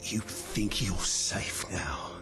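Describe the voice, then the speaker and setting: A man's voice: low voice, extremely slow. A fanatical male assassin in an overacted death scene. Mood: dying, menacing. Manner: theatrical, declamatory monologuing; overacted death scene, dying villain's last words. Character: fanatical revolutionary male assassin, vengeful and grandiose. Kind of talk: video game voice acting. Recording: game music behind.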